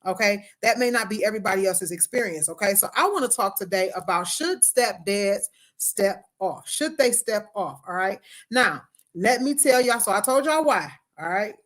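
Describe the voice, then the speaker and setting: A woman's voice: medium pitch, animated, normal speed. Woman host, speech slightly impeded by a retainer. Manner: emphatic, conversational, repeats key phrases for effect. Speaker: relationship coach and host. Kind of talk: casual livestream talk.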